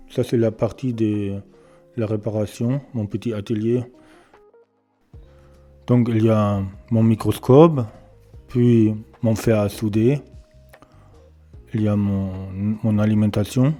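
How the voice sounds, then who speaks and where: A German man who is a beginner at electronics repair introduces his channel and gives a tour of his home repair workshop. He speaks slowly and in a low-key, warm way, hesitating and searching for words with many fillers.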